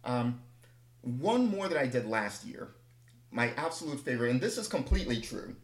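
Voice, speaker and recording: Speaking at a normal speed in a sing-song, mid-range voice, a man casually shares humorous, meandering tales at his own expense. The room he's in sounds echoey.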